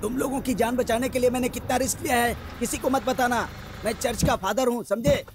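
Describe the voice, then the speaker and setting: A man's voice: very high-pitched, steady tone, fairly quick, music in the background. A man playing a crafty, money-minded church priest who pleads and then preaches slyly. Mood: sly preachy. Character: crafty greedy middle-aged male church priest. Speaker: church father. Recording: film soundtrack with background noise.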